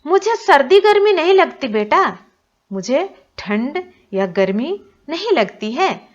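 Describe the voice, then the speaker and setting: A woman voicing a loving, gently scolding old grandmother in a high, emphatic, coaxing voice as she reads a story aloud. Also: big pitch swings, slow, dull audio, full character voice.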